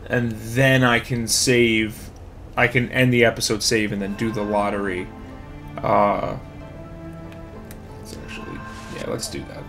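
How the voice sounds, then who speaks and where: A man's voice: lowish voice, little pitch movement, measured pace, long pauses, a bit bright, faint music behind. A man giving casual gameplay commentary, thinking aloud and rambling with fillers. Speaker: let's play host.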